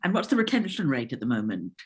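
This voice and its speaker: A woman moderating a webinar asks quick, informal questions. Her speech is fast and her pitch moves a lot. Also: very animated.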